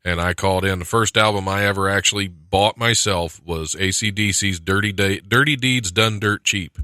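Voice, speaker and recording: A man of about forty with an American voice hosts a podcast from a small studio, chatting casually and reading odd news stories with joking self-deprecation. His voice is low-pitched, bright and forceful, smooth and moderately paced. The close studio mic on a stand gives clean studio quality with no echo.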